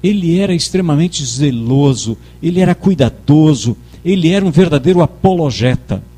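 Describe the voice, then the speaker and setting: A man's voice: fairly high pitch, animated, moderate pace, dark tone, breathy edge. A male preacher giving a sermon with emphasis, calling on the congregation to repeat his words back to him. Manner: emphatic, leads the congregation in call-and-response.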